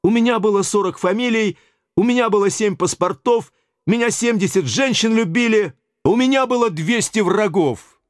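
A man voicing a brash, rowdy man in his thirties who talks in a loud, mocking, coarse way. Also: sits high, normal speed, no room sound, clean studio sound, pitched above the performer's own voice, natural voice. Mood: bantering. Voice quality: hoarse and coarse when shouting.

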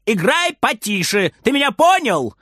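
A man's voice: medium pitch, sing-song, a little slow, no room sound, studio quality. A man voicing a grumpy, busy old grandmother who grumbles and scolds her grandson. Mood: scolding.

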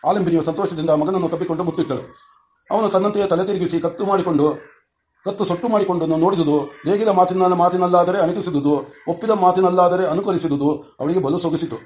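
A man narrating an audiobook in a steady, measured storytelling way. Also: high-pitched. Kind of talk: scripted narration.

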